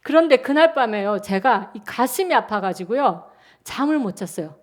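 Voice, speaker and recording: A woman in her sixties preaches from the pulpit with a notably high voice. She tells her own stories in an animated, conversational way, acting out what people said. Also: normal speed. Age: 60s. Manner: animated, chatty storytelling with acted-out quotes. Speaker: pastor. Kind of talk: sermon with personal storytelling. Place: church sanctuary.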